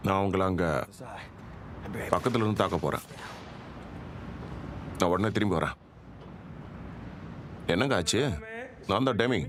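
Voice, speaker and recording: A man's voice: low voice, measured pace, pauses often, background noise. A man playing a joking, laid-back agent in a dubbed action comedy. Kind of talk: dubbed movie dialogue.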